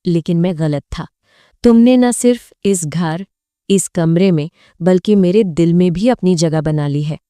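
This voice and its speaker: A woman voicing a proud, brooding young man who is the hero of a romance audiobook, speaking stern and then tender, without lowering her own voice. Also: dark tone, clean tone, no room sound, clean studio sound, lightly acted.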